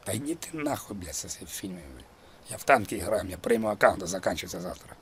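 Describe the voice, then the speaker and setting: A man playing a foul-mouthed elderly factory worker who games, swearing and shouting constantly in comic role-play on a stream. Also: low voice, lively intonation, fast, slight background noise, voice pushed down. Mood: abusive.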